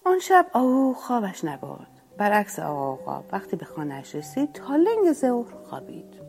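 A woman narrating a children's story in a lively, expressive way. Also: medium pitch, creaky, slightly rough, faint music behind.

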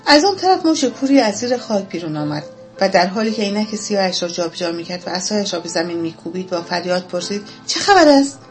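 Woman reading a children's story. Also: on the low side. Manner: expressive storytelling. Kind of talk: scripted narration of a children's story. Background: faint music.

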